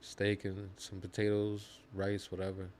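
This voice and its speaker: A man's voice: lowish voice, monotone, measured pace, a little mellow. A man co-hosting a casual live-stream chat, laid-back and swearing freely as he talks. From United States. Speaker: podcast co-host.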